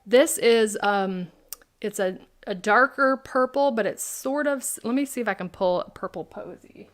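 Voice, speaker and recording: A woman's voice: mid-range voice, unhurried. A woman hosting a live craft product demo, chatting and answering viewers' questions by name.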